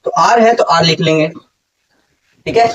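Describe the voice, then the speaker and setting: A man with a high voice teaches a grammar lesson in a classroom. He keeps quizzing his students and repeating the main points. He sounds somewhat distant from the mic, with faint background noise. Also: a little slow, a bit bright, lo-fi sound.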